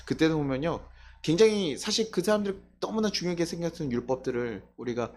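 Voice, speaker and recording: A man's voice: a little high, a little fast, a little hiss or hum. A male pastor preaching a Sunday sermon in a church, acting out the voices of people in his stories. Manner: animated, acts out quoted voices of people. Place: church sanctuary.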